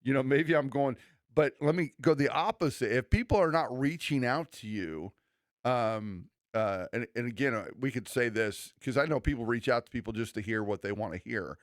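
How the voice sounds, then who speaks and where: A mid-range, moderately paced voice belongs to a pastor co-hosting a church podcast. He's earnest, conversational and preachy, with many restarts and acted-out quoted remarks, and the studio recording is clean with no echo.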